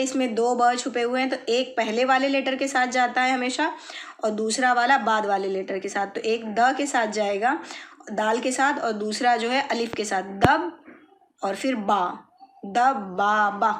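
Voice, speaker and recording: A woman teaching children Arabic words, patiently explaining and repeating each word slowly. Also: a little high. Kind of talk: slow explanatory lesson.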